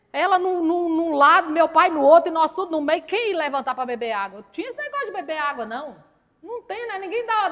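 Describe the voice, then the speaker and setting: High-voiced Mineira woman preaching. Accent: Minas Gerais Portuguese. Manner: lively storytelling that acts out quoted voices. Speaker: guest preacher. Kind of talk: humorous testimony sermon. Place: church service.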